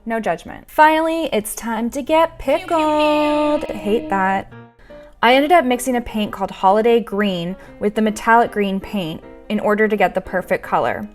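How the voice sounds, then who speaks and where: A woman's voice: mid-range voice, moderate pace, soft background music. Chatty self-mocking woman crafter. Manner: chatty, self-deprecating, jokey asides. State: groggy, just woken up, talking softly. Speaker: crafting vlogger. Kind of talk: casual crafting vlog with voice-over.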